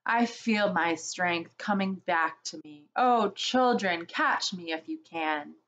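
A woman voicing a great, calm and wise male lion who speaks slowly and gravely. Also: fairly low pitch, poor audio. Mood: joyful. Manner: slow, solemn and grave.

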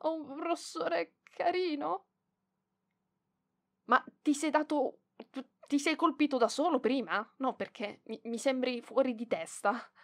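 In this ASMR voice-acting roleplay, a woman with a high voice delivers one side of the dialogue as a young female librarian, proud and flustered, prickly yet growing tender. Embarrassed and prickly, she speaks with hesitation and indignation, pausing with sighs.

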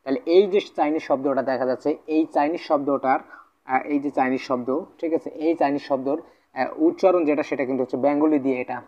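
A man's voice: a little high, steady tone, a little fast, mellow, highs cut off. A man teaching a vocabulary lesson in a casual, repetitive way, often checking in with the viewer. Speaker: language tutor.

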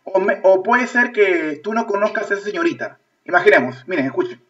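A Peruvian man with a high, bright voice teaches an online class, repeating himself and checking after nearly every phrase that his students are following. His voice sounds distant from the microphone through thin, lo-fi video-call audio. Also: expressive, fairly quick. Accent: Peruvian Spanish. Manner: repetitive, checks understanding with constant "ok?". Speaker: English teacher.

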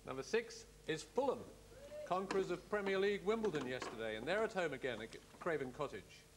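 A middle-aged man hosting a televised cup draw, speaking in a measured, courteous, official way. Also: fairly high pitch, lively intonation, noisy background. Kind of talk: formal live announcement. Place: studio-style hall set with audience.

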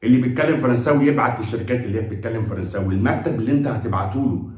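A man's voice: medium pitch, racing, darkish tone. A man with an Egyptian Arabic accent giving chatty advice to his viewers, pleading with them and adding blessings as he talks. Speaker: vlogger giving job advice. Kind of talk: casual advice talk to camera. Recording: echoey room.

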